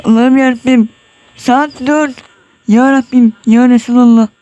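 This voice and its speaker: A man's voice: very high-pitched, fairly even intonation, a little slow, mellow. A nervous man commenting on his horror game run, muttering prayers and yelping when startled. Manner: tense, jumpy, muttering prayers and exclamations. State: sweating, nervous. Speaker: gamer.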